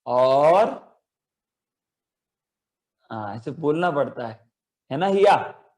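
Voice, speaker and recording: A man teaching a children's religion class over a video call, calling on children by name and chanting verses slowly for them to repeat. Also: fairly high pitch, animated, a little mellow.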